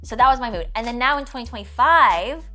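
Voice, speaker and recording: Fast, expressive and sharp-toned, her voice sits on the high side. She is a 29-year-old fitness content creator and vlogger from near Toronto with a Canadian accent, casually rattling through follower questions with emphatic, self-mocking remarks over background music.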